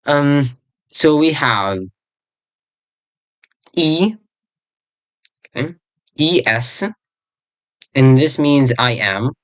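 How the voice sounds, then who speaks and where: Someone teaching their own made-up language, talks slow, loses the word a lot, dry close sound. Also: mid-range voice, lively intonation, no room sound. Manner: rambling, searches for words and corrects itself; spells out and repeats words slowly. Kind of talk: casual language lesson.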